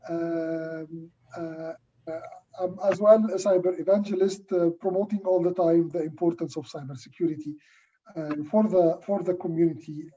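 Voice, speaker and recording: A man, an Arabic speaker, speaking on a panel in a halting way, often repeating words and restarting. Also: on the high side, fairly even intonation, mellow, a little hiss or hum. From Egypt. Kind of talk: panel discussion. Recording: distant, muffled video-call audio.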